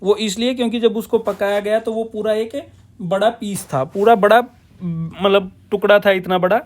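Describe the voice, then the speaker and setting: A man's voice: high-pitched, fairly even intonation, moderate pace. Male teacher explaining a lesson. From Punjab, India. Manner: asks and answers his own questions, mixes English terms into Hindi. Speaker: English teacher. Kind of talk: classroom-style lesson explanation.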